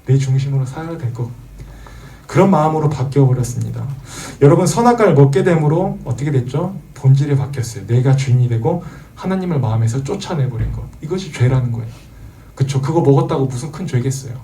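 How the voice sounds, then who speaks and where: A man's voice: mid-range voice, lively intonation, fast, mellow, distant mic. A man preaching a sermon to teenagers, asking the audience questions and acting out the voices he quotes. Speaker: youth pastor.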